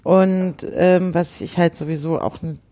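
A woman's voice: lowish voice, steady tone, unhurried, mellow. A woman hosting a casual talk show, explaining her views earnestly with hesitant restarts. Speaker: show host. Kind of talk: casual chat.

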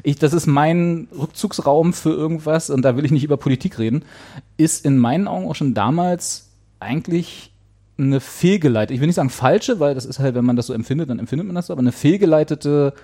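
A man's voice: on the high side, fairly quick, dark tone. A man hosting a casual talk show, rambling thoughtfully with many fillers and restarts. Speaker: show host. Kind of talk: casual chat.

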